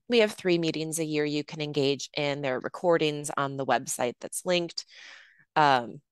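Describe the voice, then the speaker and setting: Low-voiced woman presenting a webinar. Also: no echo, clean studio sound. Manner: explanatory, with frequent fillers. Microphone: video call.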